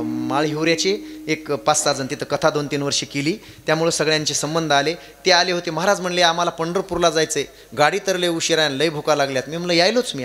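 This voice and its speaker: A man preaching a devotional kirtan sermon, telling stories and swinging between loud chanting and soft chuckling asides. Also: on the high side. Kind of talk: Marathi kirtan sermon with storytelling.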